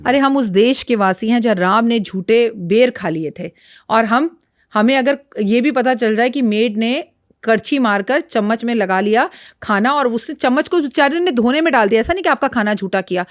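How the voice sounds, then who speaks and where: In studio-quality, dry audio, a fairly high-pitched woman talks as a guest on a podcast interview. She is an astrologer whose delivery is frank, blunt and outspoken, with a lecturing edge.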